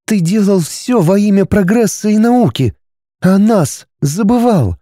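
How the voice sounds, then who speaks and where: A man reading a novel aloud and voicing an earnest, reproachful wife and mother in a raised, softened voice. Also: animated, a little slow, dry recording, clean studio sound. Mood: pleading, reproachful. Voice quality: soft, raised pitch for a woman. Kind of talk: audiobook character reading.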